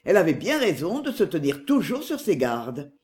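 An audiobook narrator reading a novel in scripted narration, with an expressive literary delivery. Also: medium pitch, moderate pace.

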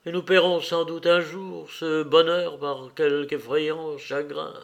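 A male reader voicing a young nobleman in love, earnest and moved, in a slowly read audiobook. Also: a little high, flat delivery, gravelly. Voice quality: emotional, earnest. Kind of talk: audiobook character reading.

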